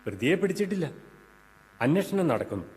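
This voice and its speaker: A man's voice: on the high side, very animated, over loud music. A man playing a stern, moralizing priest. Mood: calm. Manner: measured, reproachful. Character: calm, moralizing male priest running an old-age home. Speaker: actor in an amateur stage play. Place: school stage before an audience. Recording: echoey hall stage recording.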